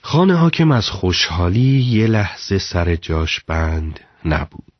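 A man narrating a story in a measured, dramatic storytelling delivery. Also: deep voice, very animated, slightly rough, no room sound, lo-fi sound.

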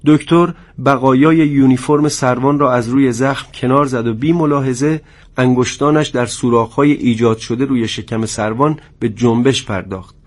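A man narrating a dramatic story in a measured, tense way. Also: mid-range voice.

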